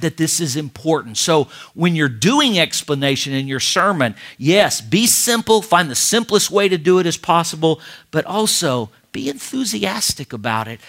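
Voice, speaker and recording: A man teaching pastors how to preach, in an animated and emphatic lecture with frequent restarts. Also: fairly high pitch. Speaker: preaching instructor.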